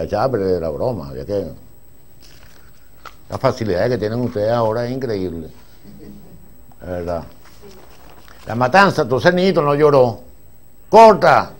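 Older Venezuelan man telling film anecdotes. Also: on the low side. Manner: rambling, animated retelling with frequent restarts. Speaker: film prop master giving a master class. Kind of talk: anecdotal storytelling to an audience.

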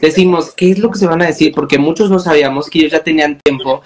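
A man, interviewing a guest with quick, eager questions. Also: a little high, crowd noise. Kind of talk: show interview.

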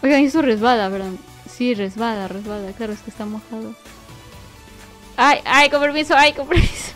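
A woman giving playful commentary on a game, excitable, squealing and shrieking at every fall. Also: a little high, normal speed, faint music behind. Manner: talks to the baby as she plays. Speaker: gaming youtuber.

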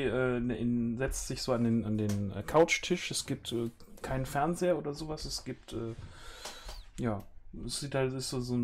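A man in his thirties narrating a tabletop game as storyteller, haltingly searching for words. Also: medium pitch, darkish tone, slight background noise. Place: small room at home, video call.

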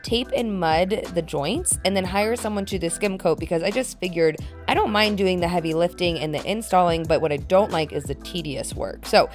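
A woman's voice: on the low side, moderate pace, few pauses, faint music behind. A young woman giving a chatty, upbeat vlog narration about renovating her trailer. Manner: chatty and upbeat, shouts in frustration at times. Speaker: DIY renovation vlogger. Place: small trailer under renovation, indoors.

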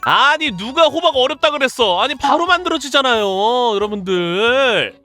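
A woman's voice: high-pitched, animated, normal speed, pushed and bright, faint music behind. A woman streaming a casual game, giving playful commentary and scolding the game pieces as if they were children.

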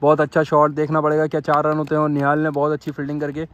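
A young Pakistani man with a highish voice races through live ball-by-ball commentary on a street cricket match, shot on a phone at an outdoor dirt ground. He repeats himself in excited play-by-play and shouts to the umpire, with slight noise in the background.

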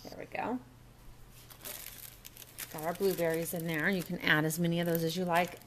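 A woman's voice: fairly low pitch, level tone, normal speed, a little hiss or hum. A woman walking through a recipe step by step in a casual kitchen demo at a home counter, recorded on the camera mic. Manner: chatty, step-by-step instructions. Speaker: cooking vlogger.

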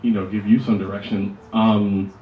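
Low-voiced hesitant man, echoey room. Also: little pitch movement, moderate pace. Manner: hesitant, many fillers like "you know" and "like". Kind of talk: casual remarks to an audience. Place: music shop, indoors. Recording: echoey room from far off, dull lo-fi.

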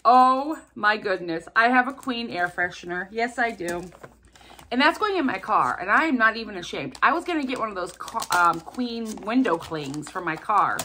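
As she unboxes gifts from her subscribers, a woman vlogger talks to camera in a medium-pitched, sharp voice with lively intonation and a moderate pace. She gushes and gasps over each gift and rambles, hopping from one aside to the next. A little hiss or hum sits in the recording.

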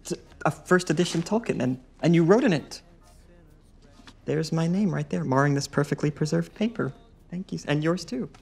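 A man's voice: fairly high pitch, expressive, moderate pace, vocal fry, darkish tone, a little hiss or hum. An actor playing a neurotic, bookish American survivor in his thirties, wordy and precise, in a comedy film. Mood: dismayed. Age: 30s. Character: neurotic, bookish, earnest young male survivor. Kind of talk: film comedy narration and dialogue.

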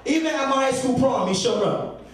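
High-voiced New male stand-up comic. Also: brisk, soft background music. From New York City. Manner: animated, slangy, addressing the audience. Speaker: stand-up comedian. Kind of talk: stand-up comedy. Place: small comedy club stage. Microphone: handheld stage mic, captured by far camera. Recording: echoey club far off, loud audience.

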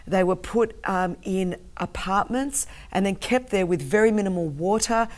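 A middle-aged woman, Greek her first language, tells an intense story as a guest on a studio talk show, gesturing emphatically. She's an anti-trafficking campaigner, speaking at a moderate pace with a medium-pitched voice on a TV studio set with sofas.

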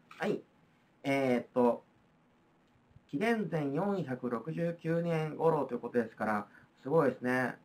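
A woman with a Kansai accent teaching a history lesson on video, explaining in a chatty way with frequent fillers. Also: a bass voice. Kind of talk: recorded video lecture.

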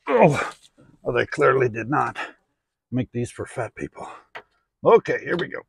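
A garage vlogger works on an old car outdoors, muttering to himself with dry jokes in casual working commentary. His mid-range voice is gravelly, husky and a bit bright, unhurried but with big pitch swings. The voice itself sounds dry, though the outdoor recording is noisy with engine and ambient sound.

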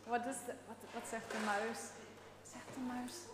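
A woman's voice: fairly high pitch, level tone, moderate pace, heavy background noise. A woman from the Netherlands with a Dutch accent, giving a playful, chatty all-age talk in church and quizzing the congregation. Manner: playful, chatty, laughs often, quizzes the audience. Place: church sanctuary. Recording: echoey church with long reverb.

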